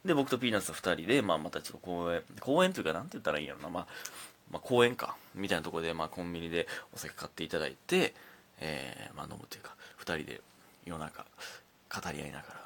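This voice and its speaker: A man's voice: low-pitched, expressive, fast talker, creaky, a bit bright. A young man with a Kansai accent hosting his own casual solo comedy talk show, telling stories in a laid-back, rambling way. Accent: Kansai Japanese. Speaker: comedian podcast host.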